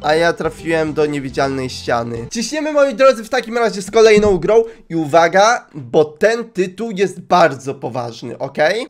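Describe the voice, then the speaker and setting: A young man giving comic commentary while playing a game, excitable and squealing high when surprised. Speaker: gaming youtuber. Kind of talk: comic let's play commentary.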